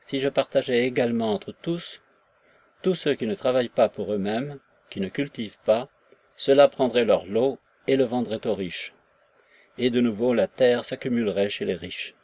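A man's voice: medium pitch, darkish tone, no echo, lightly acted. Man reading Nekhludov, an earnest landowner. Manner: earnest, persuasive, measured. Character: idealistic young male landowner, earnest and reasoning. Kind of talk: audiobook character reading.

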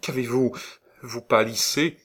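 A man's voice: lowish voice, moderate pace, lightly acted. A man reading a novel aloud, voicing a devoted young woman in an impassioned, eager way. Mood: alarmed. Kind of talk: audiobook reading of a classic novel.

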